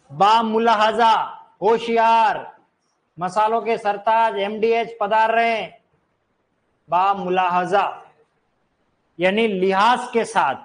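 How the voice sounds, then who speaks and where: A man's voice: high voice, low-quality recording. A man teaching a class on word prefixes, asking students questions and singing short bits of songs. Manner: slow, drawn-out teaching with sung snippets and questions to students. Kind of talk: classroom lesson on Hindi prefixes.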